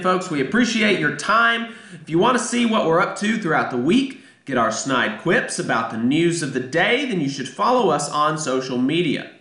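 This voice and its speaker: A man's voice: a little high, pushed and bright, echoey room. Man hosting with a sick, cold-worn voice. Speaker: radio show host. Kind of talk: scripted radio intro.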